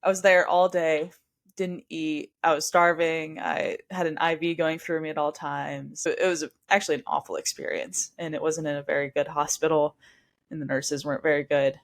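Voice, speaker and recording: Her voice sits low with a level tone. A twenty-something podcast guest, she chats her way through a long personal story, a bit stuffy because of allergies, talking fast with frequent "likes" and false starts.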